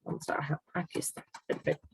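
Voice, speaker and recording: A middle-aged woman teacher with a Costa Rican Spanish accent, patiently explaining step by step in a recorded tutorial. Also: no room sound. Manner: slow, patient, explaining step by step with checks like "¿de acuerdo?".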